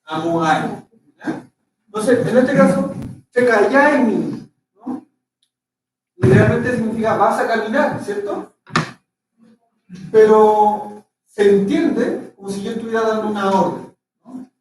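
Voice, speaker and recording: A man's voice: high-pitched, measured pace, long pauses, a little mellow. A man teaching a language class, explaining patiently and often checking that his students follow. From Chile. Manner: patient, checks understanding with frequent "¿cierto?". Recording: echoey, distant from the mic, faint noise.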